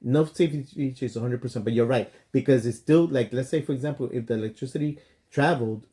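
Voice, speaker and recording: A man co-hosting a relaxed, chatty show. He talks in a steady, even-tempered way, explaining points and translating his partner's Spanish into plain English. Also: medium pitch, fast talker. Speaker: co-host and interpreter. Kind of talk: casual chat.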